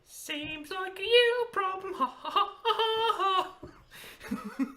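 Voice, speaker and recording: Squeaky smug little trickster guy, a man doing the voice, teasing and cackling in a tabletop game. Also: expressive, very slow, bright, forceful tone, a little hiss or hum, exaggerated voice. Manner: mocking, cackling laugh. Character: smug teasing male trickster who mocks the party.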